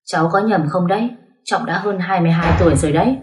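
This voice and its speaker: A woman's voice: on the low side, fast talker, darkish tone, recorded from a distance, close to an everyday voice. A woman voicing a kindly housekeeper in her late fifties with a homely way of talking. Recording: roomy echo.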